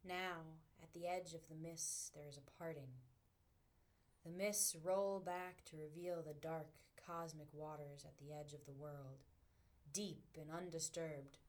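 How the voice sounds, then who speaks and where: A woman with a slightly low voice leads a guided meditation. She tells it like a calm story, in measured, orderly phrases. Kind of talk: guided visualization narration.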